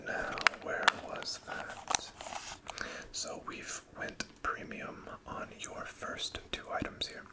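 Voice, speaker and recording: Whispered role-play: gentle, encouraging customer-service assistant, breathy whisper, unhurried pace. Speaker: ASMR performer playing a card shop assistant.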